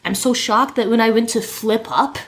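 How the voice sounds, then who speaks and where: Upbeat woman host, fairly high voice, lively storyteller who laughs a lot. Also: moderate pace. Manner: animated storyteller, laughs often. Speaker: podcast host and model. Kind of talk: casual chat.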